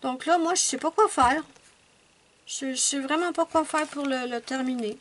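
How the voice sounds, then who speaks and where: High-voiced woman chatting casually. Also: moderate pace, a bit bright, a little hiss or hum. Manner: rambling, self-correcting, thinks aloud. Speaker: coloring vlogger. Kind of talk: casual show-and-tell chat.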